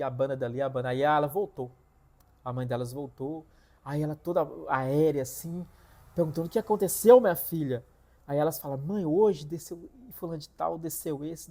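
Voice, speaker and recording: A man telling a personal story to his viewers in an animated, repetitive way, often calling out to them directly. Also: medium pitch. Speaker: vlogger telling a personal testimony. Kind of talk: casual spoken storytelling.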